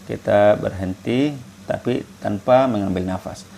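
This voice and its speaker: An unhurried man teaches Quran recitation rules in a plain, measured voice. He moves between calm explanation and slow, louder chanting of verses, at an unhurried pace. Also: fairly low pitch, vocal fry. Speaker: student reciting for an assignment.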